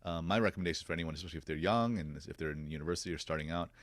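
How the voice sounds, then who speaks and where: Brief: deep-voiced male podcast host, earnest and reflective, dry close sound. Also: very fast, dry recording. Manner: earnest, reflective, many fillers. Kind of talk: casual interview chat.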